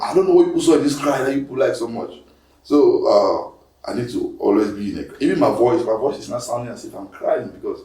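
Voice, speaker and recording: A young man with laced with answers online critics in an animated, defensive way, his voice climbing and getting louder when he argues his case. He sits some distance from the mic in a roomy, echoing space. His voice is mid-pitched for a man. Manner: animated, swings up loud and high when protesting, mixes in Pidgin. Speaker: comedian guest reading mean comments. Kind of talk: casual talk-show chat.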